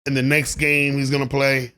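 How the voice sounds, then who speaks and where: A man's voice: mid-range voice, monotone, normal speed, bright, forceful tone. A man delivering a rambling, opinionated basketball commentary monologue, laughing at his own asides. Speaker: sports commentary vlogger.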